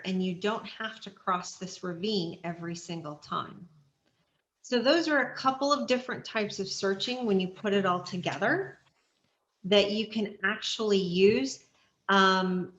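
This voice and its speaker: A woman's voice: mid-range voice, a bit bright, roomy sound, muffled recording. A woman instructor explaining search dog strategy to a class in a practical, step-by-step way with frequent fillers. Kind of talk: online class lecture.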